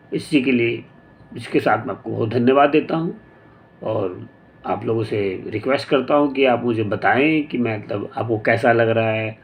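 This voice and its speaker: A man giving a casual motivational talk, unhurried, thinking aloud with pauses and restarts and mixing in English phrases. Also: mid-range voice, gravelly, muffled recording. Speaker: motivational speaker.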